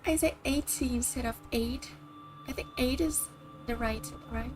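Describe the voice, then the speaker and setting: Her voice is a little high and her pace unhurried as she streams a game and chats in a loose, rambling way. She's a Brazilian native Portuguese speaker with a matching accent, dropping plenty of "likes" and "kindas," with faint game music in the background.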